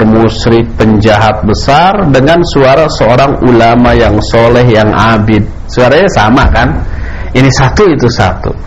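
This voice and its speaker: Male preacher over noisy background. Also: medium pitch. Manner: preacher-like, didactic, rhetorical questions and emphatic repetition. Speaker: Islamic preacher answering questions. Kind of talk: religious lecture, explanatory preaching. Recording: clearly noisy background, room ambience.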